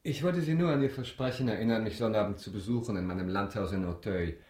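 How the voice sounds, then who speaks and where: A man in a German radio drama playing a suave, ironic count, courtly and measured with a subtle mockery. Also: on the low side, a little mellow, roomy sound, lightly acted. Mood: courteous. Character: suave, ironic aristocratic count, coolly controlled avenger.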